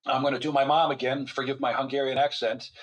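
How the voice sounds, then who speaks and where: As a guest on a relaxed podcast, an older physician-author talks fast in a mid-range voice with little pitch movement. His style is chatty and story-driven, with wry humor and many restarts, and the audio quality is poor.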